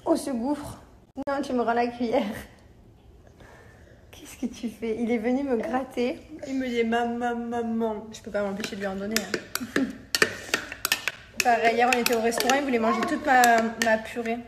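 A slightly high-voiced mother cooing at her baby. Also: fairly even intonation, normal speed, long pauses, slight background noise. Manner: coos softly at her baby between chatty asides to viewers. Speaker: family vlogger and mother. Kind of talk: casual family vlog.

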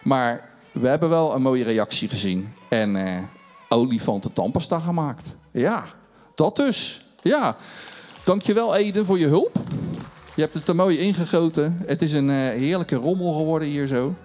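A man's voice: a little high, lively intonation, normal speed, darkish tone. A middle-aged man presenting a children's church show on a stage, chatty and encouraging as he runs a science demo, speaking into a handheld mic. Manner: chatty and upbeat, encouraging, self-mocking.

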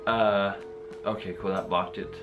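A man's voice: lowish voice, fairly even intonation, measured pace, narrow, tinny audio, music in the background. An American man in his thirties talking casually and informally to a camera, in a laid-back vlog style. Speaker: vlogger. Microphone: handheld or nearby camera.

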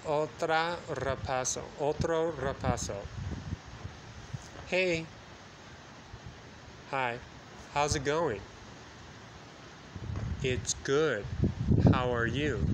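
A man in his thirties from the United States, giving a bilingual lesson into a phone held at arm's length outdoors at night, speaking slowly and repeating phrases for learners. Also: on the high side. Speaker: English teacher. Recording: phone video with loud wind noise outdoors. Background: loud wind and street noise.

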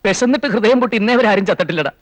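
Lively, theatrical comedy trickster man. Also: high voice, rapid-fire, no room sound. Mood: exasperated. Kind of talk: film comedy acting. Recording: film soundtrack with background music.

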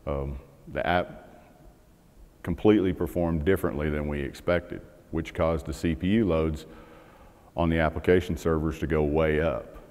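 A man's voice: a bass voice, a little mellow. A middle-aged man giving a technical talk on a conference stage, conversational with fillers and restarts. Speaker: conference speaker. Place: large conference hall stage. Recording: long hall reverb.

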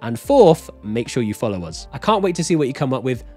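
A man in his thirties, host of a software tutorial channel, delivers scripted, upbeat video tutorial narration in an emphatic, animated presenter style. His voice is medium-pitched and a little fast, recorded close to a desk microphone in a small home-style indoor studio with background music.

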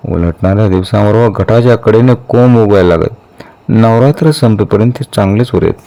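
A man reading a historical novel aloud in a measured, steady storytelling manner. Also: fairly low pitch. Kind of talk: audiobook narration of a historical novel.

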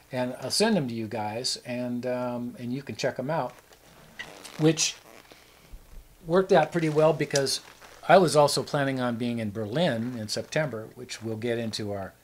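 Casting note: relaxed male co-host, mid-pitched, rambling and jokey, faint noise behind. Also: poor audio. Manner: rambling, easygoing, joking. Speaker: show co-host. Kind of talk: casual chat.

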